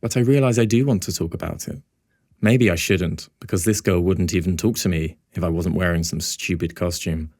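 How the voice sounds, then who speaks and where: A man's voice: low voice, a little fast, a little mellow, no echo. A man narrating an audiobook in the first person, with a wry, inward storytelling manner, on a close studio mic.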